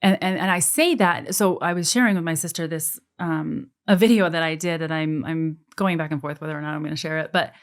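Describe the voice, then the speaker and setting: Her voice sits low and steady, a little fast, with few pauses. She's an author and adoptive mother in her forties, raised in an American military family, chatting as a podcast guest in an earnest, reflective way and frequently repeating words while she thinks.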